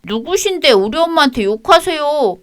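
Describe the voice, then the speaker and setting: A woman's voice: sits high, very animated, moderate pace, pitched above the performer's own voice. A stubborn, defiant little schoolboy in a radio drama, as a woman puts him on. The voice is pushed far up into a child's register, insistent and pleading. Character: defiant young schoolboy protecting his mother.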